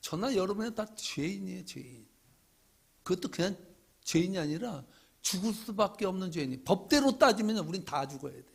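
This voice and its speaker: A middle-aged male pastor preaching a sermon, swinging from loud pleading questions to hushed asides. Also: high-pitched, animated, brisk, gravelly, slightly rough.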